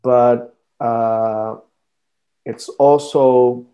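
Slow, dark-voiced pastor from Costa Rica. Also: male voice, mid-range voice, steady tone. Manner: hesitant, many fillers and restarts. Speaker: pastor, guest. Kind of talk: casual interview talk.

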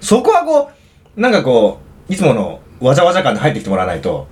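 A man's voice: medium pitch, wildly swooping pitch, fast, a little mellow. A man hosting a casual podcast as MC, bantering playfully and teasing his co-host. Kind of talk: casual chat. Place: studio podcast recording.

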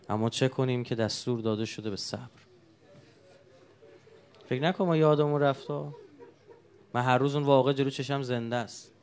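A man preaching a sermon, telling stories with emotion and asking the congregation rhetorical questions. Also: mid-range voice.

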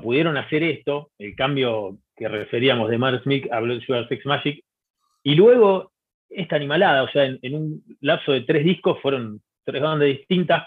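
A man's voice: medium pitch, breathy edge. A man in a casual music debate, talking hesitantly with many fillers. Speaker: panelist. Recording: tinny phone-like call line.

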